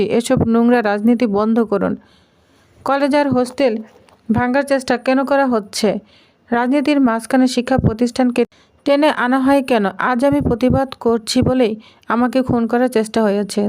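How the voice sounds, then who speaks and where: A woman giving a scripted, steady recap of a TV serial episode, reading the characters' lines aloud in her own plain voice. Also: fairly high pitch. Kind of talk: scripted narration.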